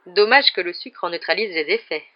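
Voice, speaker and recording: A reader voicing a kind, gentle male wizard teacher with a soft, measured, courteous manner in an audiobook. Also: medium pitch, expressive, dull audio, close to an everyday voice.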